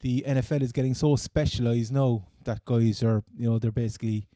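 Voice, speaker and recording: Male sports co-host, Cork Irish accent, dark relaxed tone, dry close sound, halting and repetitive, casual chat. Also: mid-range voice, dry recording. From Cork, Ireland. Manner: rambling, stammering, repeats phrases. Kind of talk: casual American football chat.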